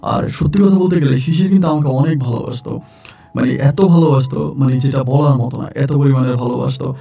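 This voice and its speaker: A young man from Bangladesh telling his own true story slowly and plainly, often restarting his sentences. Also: mid-range voice, creaky, warm tone. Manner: slow, plain retelling with frequent restarts and fillers. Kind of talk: first-person true-story narration. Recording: distant mic with faint music.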